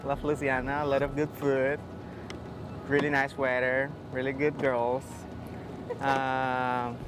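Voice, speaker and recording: A man's voice: medium pitch, monotone, background noise. Man chatting outdoors. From Costa Rica. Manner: halting, laughs easily. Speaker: cinematographer. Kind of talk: casual interview.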